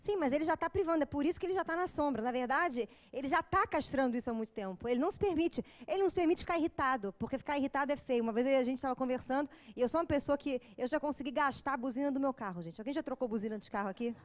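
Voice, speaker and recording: A woman's voice: high-pitched, very fast, few pauses. A woman with a Brazilian Portuguese accent giving an informal, joking lecture to a live audience. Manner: joking, chatty, with acted asides.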